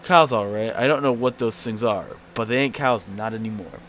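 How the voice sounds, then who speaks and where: A man's voice: on the low side, normal speed, a bit bright, slight background noise, close to an everyday voice. A man reading as a bitter grieving woman rancher. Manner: bitter, blunt, rural grammar.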